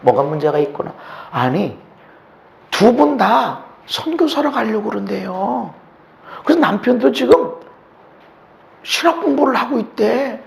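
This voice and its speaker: Male pastor, very high voice, gravelly edge, lively sermon delivery, loud bursts and soft whispers. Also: measured pace, pauses often. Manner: swings between loud emphatic preaching and hushed near-whispers; acts out quoted conversations in his talk.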